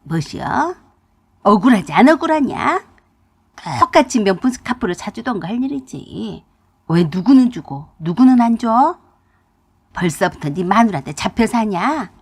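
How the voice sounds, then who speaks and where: A woman's voice: fairly high pitch, sing-song, moderate pace, husky, heavily acted. A woman voicing a furious older mother-in-law who scolds in rustic dialect turns, in a radio drama reading.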